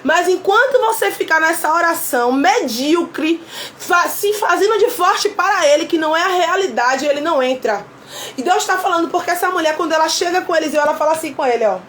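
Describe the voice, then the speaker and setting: A woman with a very high, bright-sounding voice preaches in a relaxed, conversational way, repeating her key points for emphasis. She slips into the voices of quoted characters as she retells a Bible story. A faint hum of ambience sits behind her. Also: brisk. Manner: voices short quoted lines within her telling. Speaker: preacher and clinical psychoanalyst.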